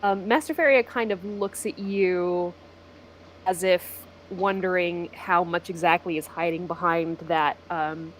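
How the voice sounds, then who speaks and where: A woman narrating a tabletop game as game master, deliberate as she sets scenes. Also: fairly low pitch, steady tone, slight background noise, low-quality recording.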